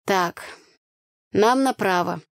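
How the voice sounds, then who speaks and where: A woman's voice: mid-range voice, takes it slowly, clear, resonant tone. Woman playing young woman friend, enthusiastic, upbeat, storybook. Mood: cheerful.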